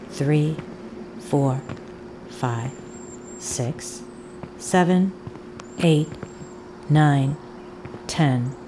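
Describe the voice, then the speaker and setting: An actress playing a haunted audio tour guide in a fiction monologue, speaking deliberately and haltingly, with insistent repetition. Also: female voice, deep voice, mellow, a little hiss or hum, heavily acted, low-quality recording. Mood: instructing, measured. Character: eerie, haunted woman guiding an audio tour. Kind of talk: dramatic second-person audio fiction monologue.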